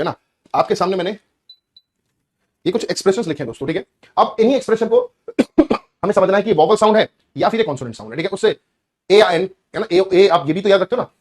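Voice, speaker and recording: Male teacher, classroom lesson; fairly high voice, rapid delivery, keeps quizzing the class. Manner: explains patiently, often asks the class questions. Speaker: English teacher.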